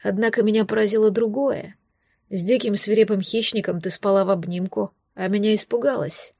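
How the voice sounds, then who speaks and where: A woman's voice: mid-range voice, fairly even intonation, a little fast, darkish tone, dry recording, close to an everyday voice. A woman voicing a mysterious sardonic man in an audiobook, speaking in a dry, musing, condescending way. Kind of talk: audiobook reading.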